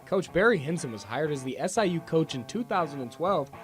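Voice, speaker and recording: A man anchoring and reporting on a sports magazine show in an even, anchor-style read. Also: fairly high pitch, brisk, soft background music. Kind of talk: scripted news presenting.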